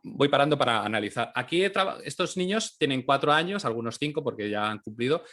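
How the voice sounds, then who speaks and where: A man's voice: mid-range voice, animated, fast talker, a bit bright, slight background noise. A man from giving an instructional talk as an early-years teacher trainer, explaining step by step and sounding out syllables and phonemes aloud.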